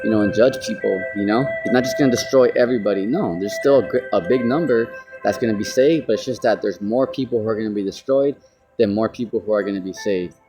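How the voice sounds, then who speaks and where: A man's voice: on the low side, quick pace, over music. Casual rambling preacher man. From United States. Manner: casual, rambling, repeats "you know". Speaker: street preacher. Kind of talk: informal Bible teaching.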